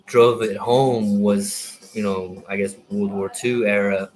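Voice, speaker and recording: A veteran in his thirties launches into a heated, rambling rant, swearing constantly and restarting his sentences. His voice is low, steady, slow, and a bit mellow, though the recording quality is rough.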